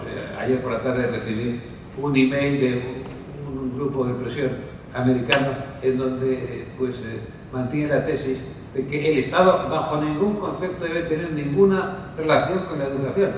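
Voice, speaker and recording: A man giving a discursive conference talk on a panel, with many fillers and asides. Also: a little high. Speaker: panel speaker. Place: conference hall. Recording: distant mic in echoey hall with noise.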